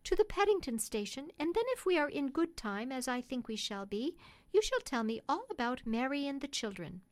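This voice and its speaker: A woman's voice: sits high, big pitch swings, moderate pace, voice pushed up. A woman voicing a gracious, well-to-do lady in an audiobook story, cordial, polite and assured.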